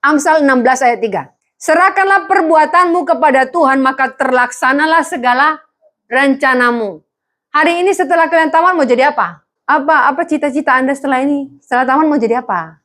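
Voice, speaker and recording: A woman pastor preaching to students, lively, with jokes and small acted dialogues. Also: sits high, quick pace. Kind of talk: sermon to students.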